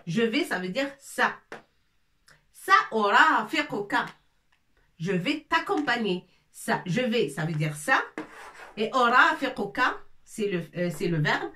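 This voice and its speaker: A woman teaching a lesson in French, slowly drilling syllables as she writes on a board. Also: medium pitch, a bit bright. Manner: slow, repetitive, drilling syllables. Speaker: Arabic teacher. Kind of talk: casual classroom lesson, writing on a board. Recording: echoey room, mic at a distance.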